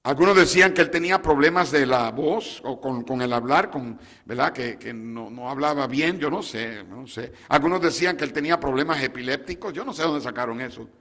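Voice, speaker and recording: A man's voice: medium pitch, fairly quick, few pauses, fairly bright tone. A man preaching a sermon as a pastor to his congregation, asking them questions and slipping English words into his talk. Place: church sanctuary. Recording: long hall reverb.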